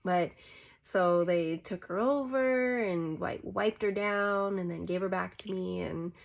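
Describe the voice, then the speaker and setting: Chatty young woman with a gravelly edge. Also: on the low side, takes it slowly. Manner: chatty, heavy use of "like" fillers. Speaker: vlogger. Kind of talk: casual personal storytelling.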